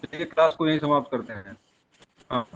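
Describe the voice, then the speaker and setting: A man's voice: fairly high pitch, a little fast, fairly bright tone. A male teacher giving an online class whose voice breaks up over choppy call audio. He explains step by step and asks his students questions. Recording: muffled lo-fi call audio with faint hiss.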